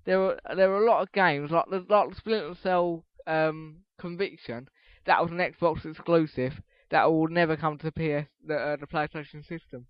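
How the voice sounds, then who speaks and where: A teenage boy with a slightly high voice runs his solo podcast, rambling loosely, cursing offhandedly and breaking off mid-sentence. The recording is dry and dull, like a cheap home mic. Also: no echo. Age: teens. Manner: rambling, swears casually, restarts sentences. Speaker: podcast host.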